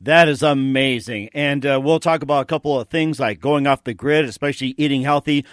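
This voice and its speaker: A man's voice: mid-range voice, brisk, no room sound. A man hosting an interview show from a studio, moving between chat and scripted promos. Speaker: radio show host.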